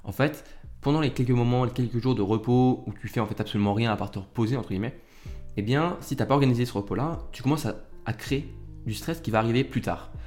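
A man's voice: medium pitch, quick pace, a little mellow, soft background music. A young man hosting an advice podcast, talking casually and directly to the listener with lots of fillers. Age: young adult. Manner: chatty, addresses listener directly, with frequent fillers. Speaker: podcast host.

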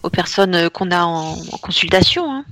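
A woman's voice: on the low side, lively intonation, moderate pace, fairly bright tone, no echo. A woman working as a medium, talking casually and emphatically about spirits. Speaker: medium on a phone line. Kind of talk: casual chat.

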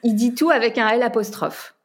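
A woman from France, a podcast guest and entrepreneur, chatting casually with many pauses and fillers, laughing now and then. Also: a little high, slight background noise. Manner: hesitant, many fillers and restarts, laughs often. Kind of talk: casual chat.

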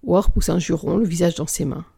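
Gravelly, husky audiobook reader. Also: mid-range voice, a little fast, mellow. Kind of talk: reading a novel aloud.

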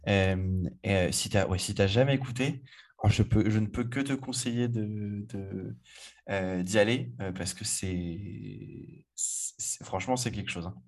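A man's voice: on the low side, a little slow, vocal fry, darkish tone. A man co-hosting a casual music podcast, enthusiastic and rambling with frequent restarts. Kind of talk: casual chat.

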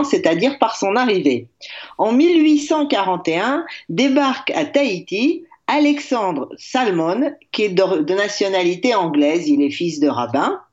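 A woman columnist telling a lively history chronicle on the radio, with frequent hesitations. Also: medium pitch, highs cut off. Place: remote line from abroad.

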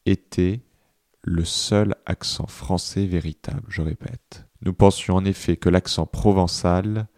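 A man reading a dictation aloud, deliberately repeating each phrase and speaking the punctuation marks. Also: low voice, steady tone, a little mellow, no echo, clean studio sound. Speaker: dictation reader.

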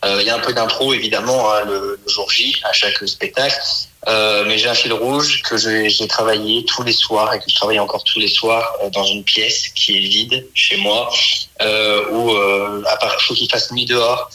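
A young man in his twenties talks as a comedian guest on a radio show. His voice is low-pitched yet very bright and forceful. He rambles in a relaxed, chatty way, full of fillers. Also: normal speed, rough recording. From France. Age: 20s. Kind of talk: casual radio interview.

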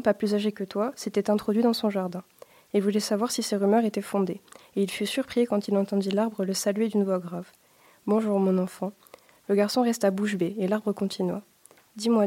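Young woman reading a story, mellow. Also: mid-range voice. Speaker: student reader. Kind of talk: reading a story aloud on radio.

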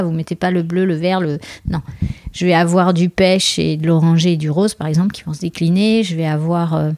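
A woman who plans weddings, giving casual advice in a chatty way with many small pauses and asides. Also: fairly low pitch, dark tone, no echo. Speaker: wedding planner. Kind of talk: casual podcast talk.

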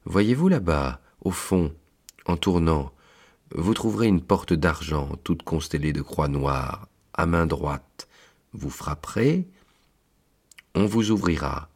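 Saint Peter, a man voicing a gravelly old gatekeeper. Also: extremely low pitch, slow pace, pauses often, heavily acted. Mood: fatherly. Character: kindly old Saint Peter, keeper of heaven's book. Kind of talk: storytelling read-aloud.

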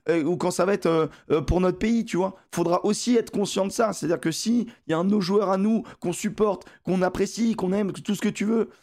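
A man hosting a casual sports talk show, arguing refereeing calls in an animated way and swearing freely. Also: high-pitched, fairly quick, hardly any pauses. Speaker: podcast host.

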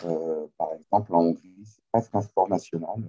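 A man's voice: deep voice, normal speed, dark tone. A middle-aged man from France with a French accent lightly tinged by Quebec, a kayak coach speaking hesitantly with many fillers in a remote interview. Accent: French with a slight Quebec tinge. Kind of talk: remote interview, casual conversation. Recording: muffled video call audio.

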